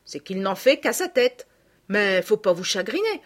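Woman playing a kindly peasant lad, folksy, lively and breathy, storybook. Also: mid-range voice, measured pace. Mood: consoling. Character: rustic peasant boy, kindly, homespun.

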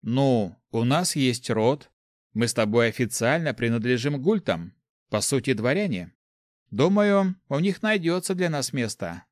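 A man voicing a calm young man who answers thoughtfully. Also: medium pitch, no room sound, studio quality. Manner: thoughtful, measured.

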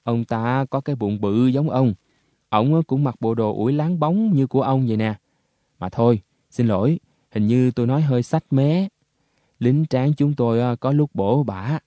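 A man voicing the ghost of a young male soldier, blunt and rough in his talk. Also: mid-range voice, normal speed, warm tone, no echo, natural voice. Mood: rambling.

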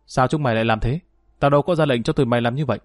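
A man's voice: mid-range voice, animated, normal speed, no echo, natural voice. A man voicing a sly, cruel male gang boss who taunts with false politeness, recorded dry. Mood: smug taunting.

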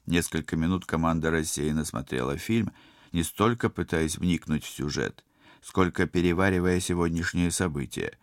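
A man reading an audiobook as narrator, steady and even. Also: low voice, normal speed, no room sound, studio quality. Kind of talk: scripted narration.

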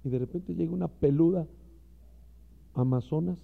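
A man's voice: a little high, moderate pace, vocal fry, long reverb tail. A man preaching a sermon to fellow ministers, impassioned and speaking straight to his listeners. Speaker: pastor. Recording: dull lo-fi recording.

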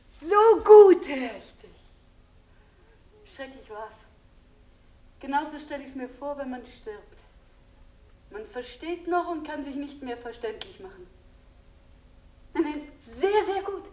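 A high, slow-spoken voice of a forsaken woman on the phone. She drops to near-whispers, then calls out loudly when the line breaks up. The speech sounds like a radio drama. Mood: straining. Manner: shifts between hushed murmurs and loud calls into the phone. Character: despairing woman, clinging to her lost lover. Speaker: abandoned lover on the telephone.

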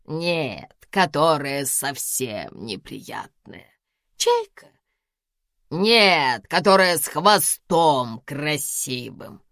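A woman reading an audiobook, voicing a domineering elderly woman of eighty-two who scolds in slow, drawn-out, commanding phrases. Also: deep voice, very animated, a bit bright, no echo, clean studio sound, exaggerated voice. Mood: scolding, domineering. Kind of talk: audiobook character voice.

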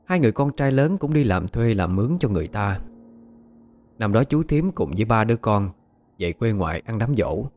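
Measured male ghost-story narrator. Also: on the low side, very animated, darkish tone. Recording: faint background music.

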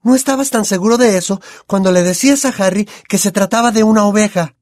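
A bossy know-it-all teenage girl, played by a man in a storybook reading, with a Latin American Spanish accent. She speaks high and fairly loud, precise and sure of herself. The sound is close and dry. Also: fast talker, no echo, lightly acted. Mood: superior, calm. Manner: prim, precise and self-assured.

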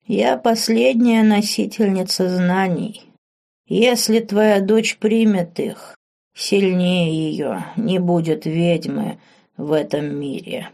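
An ancient crone of a witch, three centuries old and half mad, her voice low and dark in an audiobook, as a woman narrator puts her on. She swings between a cold, knowing calm and shrill curses. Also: slow pace, creaky, exaggerated voice. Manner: shifts between calm, shrieking and cackling.

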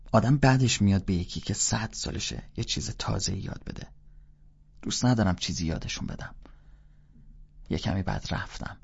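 A man with a low, gravelly voice reads a first-person audiobook. His tone is husky and rough-edged, and his telling is casual and colloquial. The recording sounds dull and lo-fi. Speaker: audiobook narrator.

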